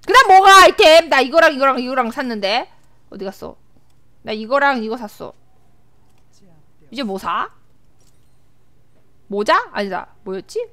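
High-pitched excitable woman streamer. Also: normal speed, long pauses. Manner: excitable, repeats words in bursts, frequent laughter. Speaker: game streamer. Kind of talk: live gameplay commentary.

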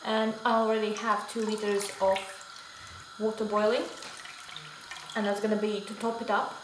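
A woman's voice: medium pitch, level tone, normal speed, noisy background. Chatty young woman in an echoey kitchen. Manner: chatty, self-correcting, talks while working. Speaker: homestead vlogger. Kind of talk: casual home vlog. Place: home kitchen, indoors. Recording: echoey kitchen with dish clatter.

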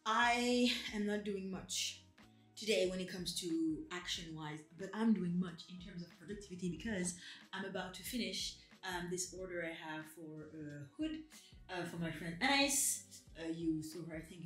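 A woman's voice: lowish voice, normal speed, fairly bright tone, roomy sound, faint music behind, poor audio. A young woman chatting casually to camera in a rambling, self-deprecating way, with many fillers. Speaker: vlogger. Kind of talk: casual vlog chat to camera.

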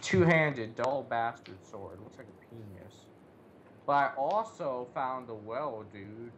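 Gaming alongside a friend in a co-op let's play, a young man trades crude, profane jokes casually. He speaks slowly and animatedly in a mid-range voice. The recording is muffled with light hiss or hum.

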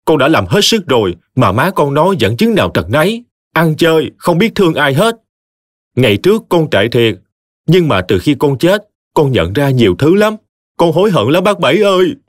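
A man voicing the ghost of a remorseful young man who has possessed his brother, speaking with a Southern Vietnamese accent in high, anguished bursts. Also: very animated, moderate pace, no room sound, clean studio sound. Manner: anguished, high-pitched outbursts.

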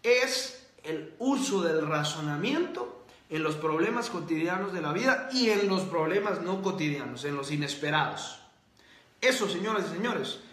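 Emphatic high-voiced man in echoey room. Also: a bit bright. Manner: emphatic, rhetorical questions, drawn-out stresses. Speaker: host. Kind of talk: motivational book-review monologue.

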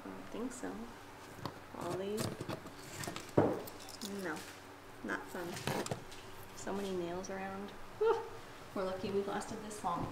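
Worn out from the work, a woman in her thirties narrates a casual renovation vlog, joking around as she films herself up close with a handheld camera in an empty house. She speaks slowly in a fairly even, mid-range voice with long pauses, over heavy background noise, music and room echo.

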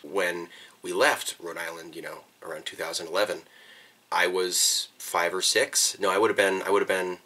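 A young man, a vlogger, reflects on where he comes from in a small bedroom, hesitating and repeating words as he thinks it through. His voice is deep and sharp in tone, with fairly even intonation and a moderate pace, suiting this personal documentary-style talk.

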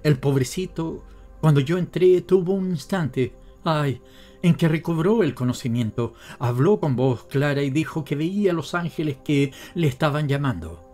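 A man's voice: fairly high pitch, lively intonation, normal speed, a little mellow, faint music behind. A man reading a tearful pleading young daughter. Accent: Latin American Spanish.

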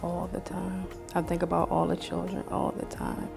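A woman in her fifties speaking quietly and haltingly in an emotional TV interview. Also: lowish voice, monotone, creaky, over music. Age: 50s.

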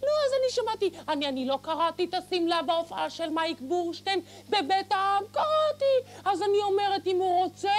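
A man's voice: extremely high pitch, expressive, hardly any pauses, slight background noise. A man playing a fussy, nagging Israeli mother of the grandma type in a TV comedy sketch, dramatic and scolding, repeating phrases insistently. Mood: indignant nagging. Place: TV studio, seated at a desk. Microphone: lapel mic.

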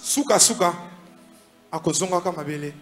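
A man's voice: a little high, moderate pace, faint music behind. Man interpreting a sermon in a hall. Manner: echoing the preacher line by line.

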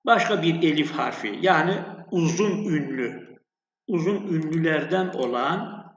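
Slow, patient teacher. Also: male voice, a little high. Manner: slow, patient, repeats sounds and addresses students as friends. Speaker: Arabic teacher. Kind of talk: classroom lesson explaining letters and vowels. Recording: echoey, dull lo-fi room sound.

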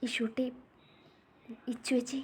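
A woman voicing a bright, teasing teenage girl. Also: fairly high pitch, moderate pace, natural voice. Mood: chatty. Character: cheerful teenage girl, playful and chatty.

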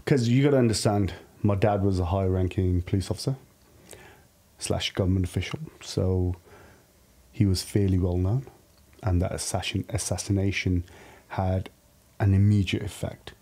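A man in his early thirties from Lahore, Pakistan, tells personal stories as a podcast guest, candid and reflective in an informal way. His low voice is warm and husky, steady at a moderate pace, recorded on a studio podcast microphone in a podcast studio.

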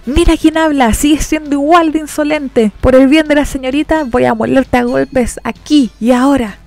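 A woman's voice: medium pitch, normal speed, gravelly, soft background music, natural voice. Woman doing a hot-headed teen rival. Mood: angry. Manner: shouting, threatening. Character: loyal hot-headed teenage boy rival, quick to anger.

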